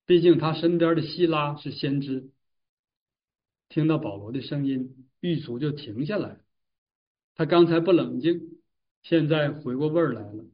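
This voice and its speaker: A man giving a Bible exposition, retelling and explaining a passage in a measured storytelling way. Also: fairly high pitch. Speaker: Bible teacher. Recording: distant mic, dull lo-fi sound.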